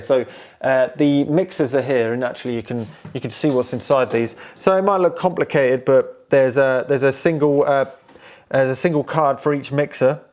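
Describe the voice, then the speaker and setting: Showing off and fixing up old tech, this presenter has a slightly mellow voice at medium pitch. He gives an off-the-cuff tour of the aging gear, musing aloud in a hesitant way and dropping playful slang.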